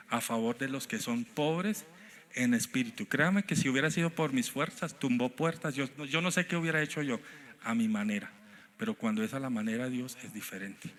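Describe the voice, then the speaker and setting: Preaching man telling a story. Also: mid-range voice. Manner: storytelling, acting out quoted dialogue, rising to loud emphatic points. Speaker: guest preacher. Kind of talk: sermon with personal stories. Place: church sanctuary.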